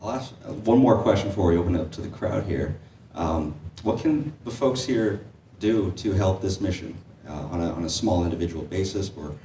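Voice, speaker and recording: Low, mellow-voiced male moderator, laid-back, room echo and faint crowd ambience. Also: slight background noise. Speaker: panel moderator. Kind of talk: moderating a panel. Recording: echoey room with faint ambience, distant mic.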